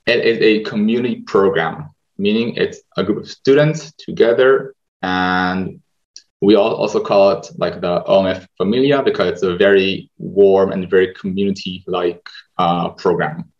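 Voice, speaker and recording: A young man hosts an online webinar at an easy pace, pausing on "uh" often. His voice sits very low. The video-call audio sounds a little dull. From Israel. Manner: relaxed, hesitant with many fillers. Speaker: webinar host, medical student. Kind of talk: presenting a webinar over slides. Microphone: video call webcam.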